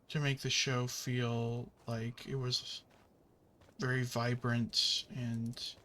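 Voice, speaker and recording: A man's voice: mid-range voice, bright, forceful tone. A man chatting casually while playing a video game, rambling with many fillers and the odd curse at the game. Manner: swears at the game. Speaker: gaming channel host.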